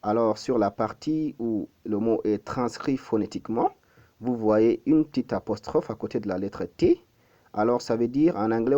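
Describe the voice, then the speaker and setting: A man's voice: medium pitch, dark tone, lo-fi sound. A man teaching pronunciation in a patient lesson, repeating each word several times and correcting himself as he goes. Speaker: language teacher.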